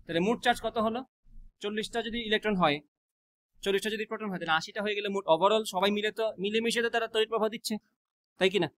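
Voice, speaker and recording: A man teaches a physics class, quizzing students with quick rhetorical questions and mixing English math terms into his speech. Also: high-pitched, fairly even intonation, fairly bright tone. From Bangladesh.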